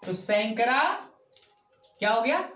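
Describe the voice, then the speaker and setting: A woman with a fairly high voice teaches a math lesson in an echoey classroom. She counts numbers aloud at a steady pace and asks questions that she then answers herself. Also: slow pace. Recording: echoey room.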